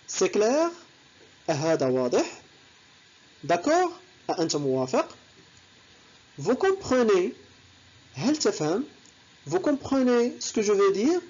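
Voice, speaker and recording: A woman teaching French, saying each phrase slowly and then translating it. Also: mid-range voice, darkish tone, husky, muffled recording. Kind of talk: language lesson, explaining in Arabic.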